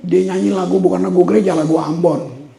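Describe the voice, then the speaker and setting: Gravelly man preaching in roomy hall. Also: sits high, fairly quick, mellow. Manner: storytelling, repeats words for emphasis. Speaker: pastor. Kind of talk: sermon. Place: church hall. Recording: roomy church hall echo.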